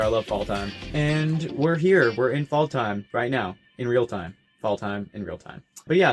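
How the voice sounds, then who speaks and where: A young man casually recapping his year on camera, rambling with goofy, self-mocking asides. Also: mid-range voice. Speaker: vlogger. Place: his bedroom.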